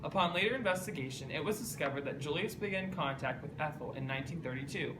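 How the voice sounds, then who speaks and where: A man's voice: a little high, expressive, quick pace. A young man reading a scripted history report as a student news reporter. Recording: distant mic, echoey room, loud background noise.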